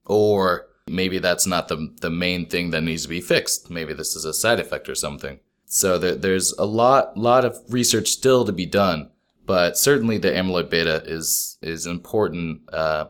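A man's voice: low voice, fairly bright tone. A man hosting a podcast, chatting casually and explaining things informally in everyday words. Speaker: podcast host.

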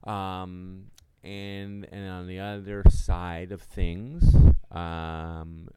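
A man chatting casually and at length in a halting, rambling way, often acting out quoted exchanges as he tells anecdotes. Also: sits low, flat delivery, very noisy. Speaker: podcast co-host and solo stage performer.

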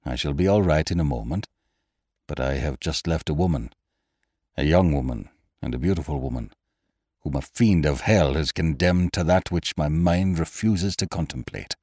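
A man voicing a stern older doctor who talks in a quiet, grave way. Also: very deep voice, normal speed, dry recording, studio quality.

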